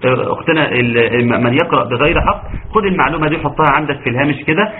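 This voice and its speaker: A man with an Egyptian accent teaching Quran recitation in an online class, breaking into chanted examples between quick explanations. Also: fairly high pitch, slight background noise. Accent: Egyptian Arabic. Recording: tinny phone-like online audio.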